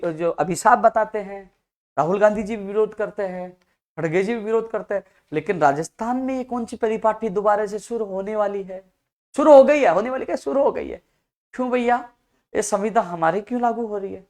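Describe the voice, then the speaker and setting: A man speaking as a youth activist to job seekers, fervent and full of rhetorical questions, swinging from soft lines to loud outbursts. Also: high voice. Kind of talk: impassioned advocacy video.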